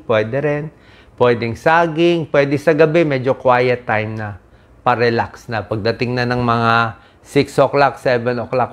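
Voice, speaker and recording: Older man giving plain health advice. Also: mid-range voice. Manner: plain reassuring explanations, frequent "di ba?" asides. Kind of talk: casual health talk to viewers.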